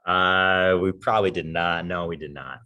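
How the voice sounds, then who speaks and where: A male podcast co-host telling stories in a relaxed, casual way and chuckling along. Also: sits low, moderate pace. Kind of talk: casual storytelling chat.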